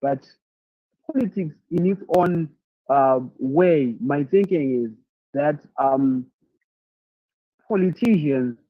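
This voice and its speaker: A man from Zimbabwe answering questions in an online masterclass, thoughtful and halting, often repeating words as he searches for them. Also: fairly high pitch, no echo. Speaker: leadership speaker answering questions. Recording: tinny phone-like audio.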